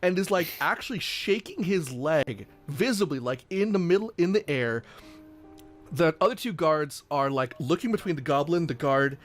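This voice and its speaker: A man's voice: fairly high pitch, lively intonation, moderate pace. Rambling game master man, faint music. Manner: rambling, lots of fillers. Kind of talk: narrating a tabletop game.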